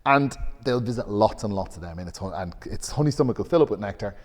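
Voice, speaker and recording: Male co-host, low voice, rambling explainer, long reverb on the recording. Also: animated, fast. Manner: explanatory, hesitant restarts, laughs at own jokes. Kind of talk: casual podcast chat.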